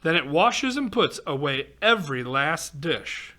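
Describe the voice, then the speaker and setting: His voice sits on the high side, very animated, bright, and forceful, though he reads a little slowly. As a volunteer storybook reader, he performs a rhyming picture book for children with exclamations and casual asides.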